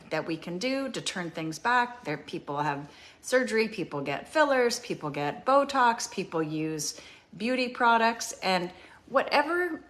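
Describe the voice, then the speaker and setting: A woman in her fifties hosting a casual beauty product demonstration, chatty and often pausing on "um". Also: medium pitch, a bit bright. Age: 50s. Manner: chatty, with frequent ums. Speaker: beauty show host.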